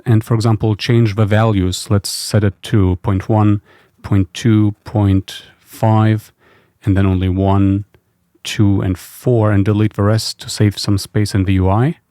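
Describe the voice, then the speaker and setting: A software developer walks through his own tool in a casual screencast, thinking aloud in a low-key, informal way. His voice is fairly low and warm, with studio quality and no room sound, though background noise is noticeable.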